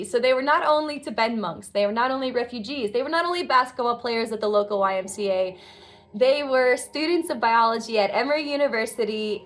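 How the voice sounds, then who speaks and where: A woman in her twenties telling a personal story in an earnest, heartfelt, reflective way. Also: a little high. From United States. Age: 20s. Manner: earnest, heartfelt, reflective, acts out quoted dialogue. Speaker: vlogger.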